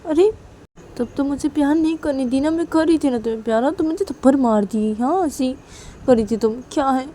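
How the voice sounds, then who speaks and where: A woman's voice: high voice, a little fast, mellow, slight background noise, voice pushed up, natural voice. A woman voicing a young woman in love, upset about her mother, in a pleading, questioning and emotional way. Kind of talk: storytelling with acted dialogue.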